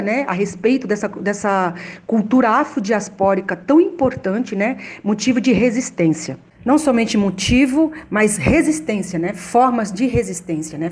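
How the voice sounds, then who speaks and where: A woman's voice: a little high, darkish tone. A Brazilian woman hosting a conversational podcast, introducing a guest and often tagging her phrases with little check-in questions. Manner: frequent "né" tags. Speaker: host.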